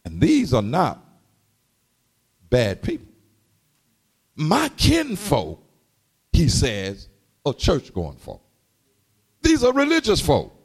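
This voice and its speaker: A man preaching a sermon in a rhythmic, call-and-response style, dropping to low murmurs and rising to sung shouts. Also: wildly swooping pitch, takes it slowly, long pauses, breathy edge. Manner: repeats and calls to the congregation.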